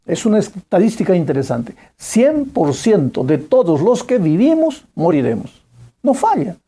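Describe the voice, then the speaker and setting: A preacher giving a sermon, telling a story with lively emphasis, repeating phrases and asking the listener direct questions. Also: medium pitch, normal speed, husky.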